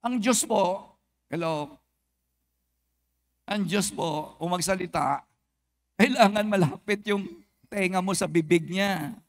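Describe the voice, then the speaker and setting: A man with a Filipino accent, a pastor preaching an animated sermon at a church service and acting out quick comic exchanges. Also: high-pitched.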